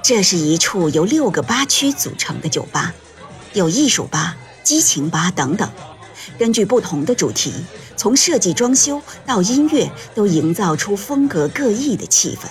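A woman narrates an audiobook in a gentle, measured way. Her pitch moves lively across each sentence. Faint music plays underneath her voice. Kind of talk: scripted narration.

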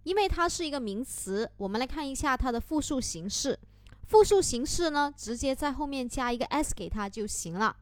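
High-pitched lady teacher going real slow, spelling words out letter by letter, dry close sound. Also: expressive, dry recording. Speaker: English vocabulary teacher. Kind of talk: slow explanatory vocabulary lesson.

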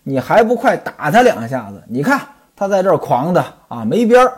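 A man reading aloud the lines of a sharp-tongued young woman from a classic novel, in a slightly raised voice. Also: a little high, very animated, a little fast, husky. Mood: scolding.

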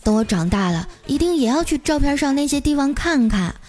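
A woman's voice: high-pitched, very animated, a little fast, darkish tone, voice pushed up. A woman voicing a cheeky six-year-old girl who talks sweetly and slyly wheedles, in a storybook radio tale.

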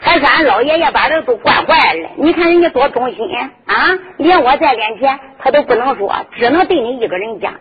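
A woman doing a gentle coaxing younger sister. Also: sits high, expressive, brisk, few pauses, husky, heavily acted. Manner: coaxing, soft-spoken. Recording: dull lo-fi with music behind.

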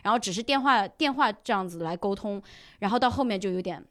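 Young woman, podcast guest; quick, lively storyteller who plays out each quote. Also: medium pitch. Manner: animated storyteller who acts out quoted lines. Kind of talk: casual chat, storytelling.

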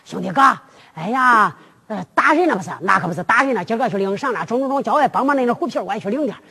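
A storyteller with a Henan accent voicing a group of boastful, rowdy male yamen runners who chatter quickly and rustically. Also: medium pitch, lively intonation, vocal fry, bright, forceful tone, slightly rough, in a large hall, full character voice.

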